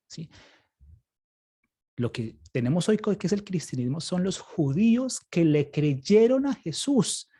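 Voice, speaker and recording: A man's voice: fairly high pitch, dark tone, husky. A Colombian man, a priest, giving a Bible study lecture and patiently answering questions, often checking with his listeners. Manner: explains patiently, often tags sentences with "¿cierto?" and "¿sí?".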